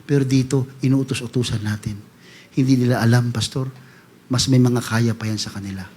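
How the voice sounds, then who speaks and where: A man preaching a sermon as pastor, animated, voicing congregants in quick asides and rising to loud calls to the congregation. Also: mid-range voice, slight background noise.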